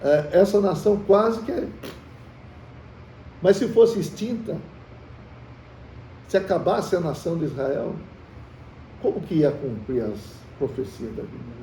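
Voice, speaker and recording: Warm and a little high, this man's voice moves unhurriedly with long pauses. He has a Brazilian Portuguese accent and leads a Bible study conversationally, questioning the group and calling them brothers. The room is echoey, and he is recorded from far off with faint hiss.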